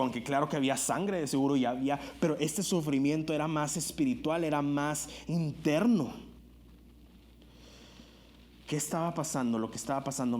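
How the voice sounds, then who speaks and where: A man's voice: fairly high pitch, darkish tone, slight background noise. A man preaching an earnest sermon in a church, climbing to emphatic peaks and stumbling over restarts and filler words.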